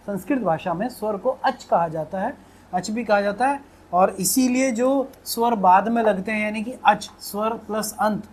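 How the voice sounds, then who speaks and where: A man teaching Hindi in a video lecture, speaking directly to viewers and patiently repeating each vowel sound slowly. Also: high voice.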